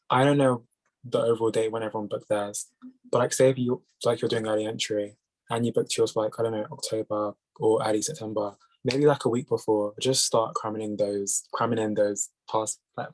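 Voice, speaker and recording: A man's voice: fairly low pitch, darkish tone, low-quality recording. A young man in his late teens hosting a video call, giving casual, reassuring advice that rambles with fillers. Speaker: host.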